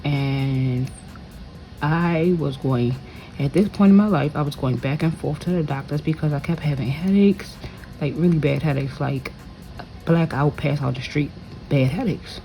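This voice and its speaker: A woman's voice: sits low, measured pace, mellow, soft background music. Woman rambling through a casual storytime. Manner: rambling, conversational, many "like" fillers. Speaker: nail vlogger. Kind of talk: casual storytime while doing nails.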